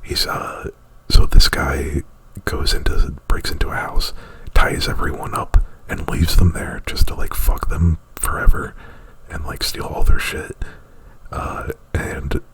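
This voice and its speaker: Whispering breathily straight into the mic, a man performs casual ASMR with a rambling, informal retelling laced with "like" and profanity. His voice rumbles low yet sounds fairly bright, with a level tone, a breathy edge, and a slightly slow pace, captured in poor audio.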